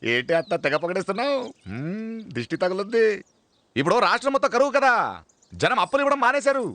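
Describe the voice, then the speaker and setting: A cheeky gambler jokes and teases in a bright, high-pitched voice. His speech is quick and bouncy, full of playful banter. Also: very animated, no room sound. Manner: jokey, teasing banter. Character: cheeky gambling son-in-law, freeloading and jokey. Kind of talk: film comedy dialogue.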